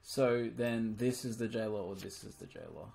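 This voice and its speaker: A woman streaming an online game, swearing constantly and yelling in frustration at other players. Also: very deep voice, moderate pace, creaky. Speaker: gaming streamer. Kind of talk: live commentary while playing an online game.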